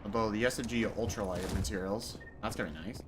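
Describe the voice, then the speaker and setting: Low-voiced man streaming a game. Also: fairly even intonation, fast talker. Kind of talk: casual playthrough commentary. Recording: clear game noise in background. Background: video game sound.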